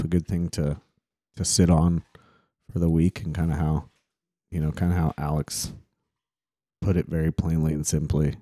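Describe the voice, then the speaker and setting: A man's voice: sits low, dark tone, no echo, studio quality. A man, hosting a casual Bible study talk in an earnest, reflective way and acting out quotes. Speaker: podcast host.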